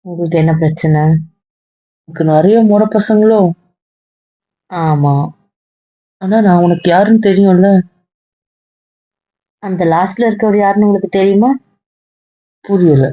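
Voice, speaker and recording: A woman's voice: mid-range voice, unhurried, pauses often, no room sound, dull audio. A woman acting in an amateur web series, speaking firmly and cuttingly.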